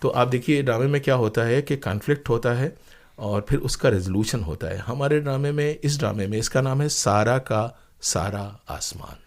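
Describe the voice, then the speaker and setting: Speaking at a moderate pace in a mid-range voice, the man is an interview guest from India, a playwright and ex-radio broadcaster. He narrates earnestly and thoughtfully, with emphatic repetition and rhetorical questions.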